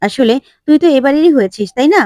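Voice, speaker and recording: A woman voicing a sharp-tongued, spiteful young wife who scolds in quick, cutting lines. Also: high-pitched, animated, dry recording, clean studio sound.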